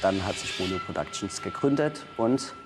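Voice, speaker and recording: Man from Saxony over loud music. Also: sits low, lively intonation, moderate pace. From Saxony, Germany. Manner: loose, hesitant with fillers. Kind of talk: interview answers.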